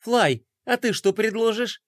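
A man's voice: high-pitched, measured pace, no echo, pitched above the performer's own voice. A man voicing a sarcastic toy girl skateboarder. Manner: sarcastic, dry.

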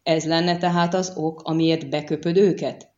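A woman's voice: low-pitched, muffled recording, close to an everyday voice. A woman voicing a dry, cool monster hunter. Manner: calm, dry, questioning. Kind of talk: audiobook character reading.

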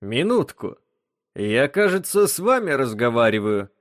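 A man voicing a gruff, impatient spaceship captain who gives orders loudly. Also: mid-range voice, sing-song, unhurried, dry recording, clean studio sound. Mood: commanding. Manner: commanding, impatient, shouting at times.

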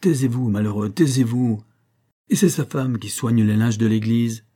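A man reading a calm, stern village priest. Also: mid-range voice, natural voice. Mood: measured. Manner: measured, quietly reproving. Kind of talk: audiobook character reading.

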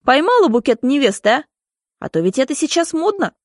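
A woman's voice: sits high, big pitch swings, no echo, clean studio sound, pitched above the performer's own voice. Woman reading as a bitter bedridden young man. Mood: bitter sarcasm. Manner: sarcastic, weak and halting. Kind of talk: audiobook reading.

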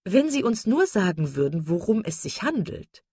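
A woman's voice: mid-range voice, big pitch swings, normal speed, dark tone, breathy edge, no echo, voice pushed up. A woman voicing a gossipy, prying older woman in a read-aloud novel, eager and nosy.

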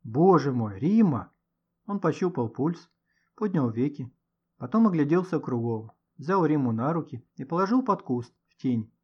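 Guy reading a storybook, kinda high voice, husky, sounds muffled and lo-fi. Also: moderate pace. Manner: lively, expressive reading. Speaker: audiobook narrator. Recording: dull lo-fi recording.

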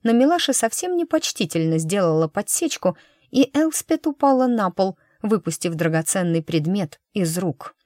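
A woman narrating an audiobook in an even, measured way. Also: medium pitch, dry recording, clean studio sound.

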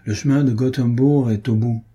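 A practical, cautious male lackey who gives directions briskly, voiced by a man reading an audiobook. The voice is breathy and husky with a dark, mellow timbre. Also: medium pitch, fairly even intonation, lightly acted.

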